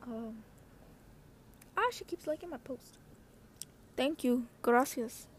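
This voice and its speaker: Recording outside amid wind, traffic, and ambient noise, a young woman hosts a rambling personal podcast chat. Her high-pitched voice is animated and slow-paced, and her scattered, slangy talk keeps interrupting itself.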